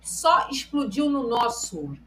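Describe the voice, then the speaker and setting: High-voiced Brazilian woman, faint room noise. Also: takes it slowly. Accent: Brazilian Portuguese. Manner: lively, dramatic retelling. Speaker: co-host. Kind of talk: casual live chat.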